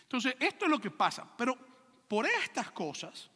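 A male pastor preaching a sermon with lively acted-out quotes and rhetorical questions to the congregation. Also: extremely high pitch, normal speed, slightly rough, long reverb tail.

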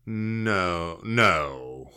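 A man's voice: low-pitched, animated, extremely slow, bright, forceful tone, smooth, full character voice. A man playing an incredulous caller losing patience with an automated phone line. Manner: exasperated, incredulous. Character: frustrated caller stuck on hold, man.

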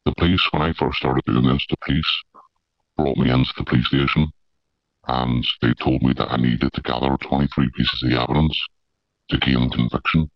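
Disguised deep voice, gravelly man. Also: fairly even intonation, dry recording, highs cut off. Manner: halting, with many fillers and restarts. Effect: voice disguised, pitched very deep. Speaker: amateur paedophile hunter. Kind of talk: interview.

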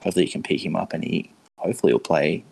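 A man's voice: sits low, rapid-fire, vocal fry, darkish tone, rough recording. A man co-hosting a podcast in casual, laid-back, matey sports chat. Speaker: podcast co-host.

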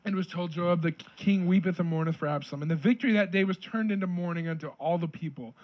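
A man's voice: high voice, quick pace, highs cut off. A man co-hosting a casual podcast, reading King James verses aloud and then retelling them jokingly in everyday words. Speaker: podcast co-host reading scripture. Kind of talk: casual Bible reading and discussion.

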